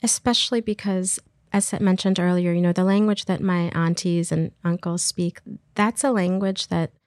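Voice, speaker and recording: A woman's voice: on the low side, fairly even intonation, normal speed, a little mellow, no echo, studio quality. A woman filmmaker talking thoughtfully in an interview, searching for her words as she reflects on her work. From Iraq. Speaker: filmmaker guest.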